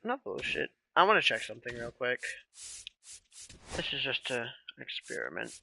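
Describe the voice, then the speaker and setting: Gravelly bright-voiced male streamer. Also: mid-range voice, moderate pace, slight background noise. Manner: relaxed, rambling, with many fillers and trailing questions. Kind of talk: casual live-stream chat with viewers.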